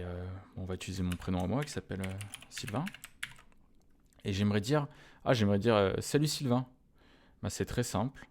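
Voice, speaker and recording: A web developer with a lowish voice teaches a screencast coding tutorial, chatting in a relaxed way directly to his viewers. He pauses often on "euh" fillers and restarts.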